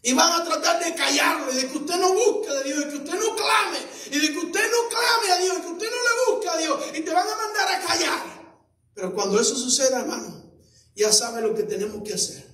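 Fervent male pastor with a very high voice, shouting sermon, echoey room, off mic. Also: lively intonation, moderate pace, recorded from a distance.

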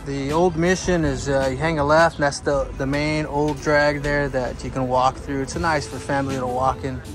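A middle-aged travel vlogger narrates a casual walking tour outdoors, by the sea, through streets and on a hotel balcony, holding the camera at arm's length. He rambles in a relaxed way, full of fillers and restarts, at medium pitch and normal speed, with music in the background.

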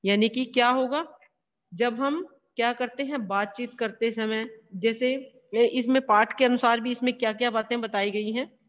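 A woman teacher giving a classroom lesson, explaining slowly and answering her own questions. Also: fairly high pitch, fairly even intonation, long reverb tail. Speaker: school teacher.

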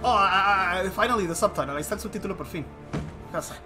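A game streamer giving excitable live commentary, switching between Spanish and English. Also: medium pitch, fast, over music. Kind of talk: live bilingual gameplay commentary.

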